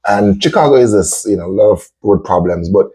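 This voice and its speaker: Man from Jamaica, host, low mellow voice, a bit husky, chatty. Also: sing-song, fairly quick. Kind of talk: casual interview chat.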